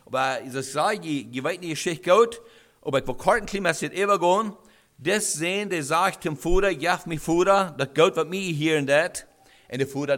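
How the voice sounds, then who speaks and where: A man preaching a sermon in a halting way, with restarts and rhetorical questions. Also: fairly high pitch, fairly bright tone.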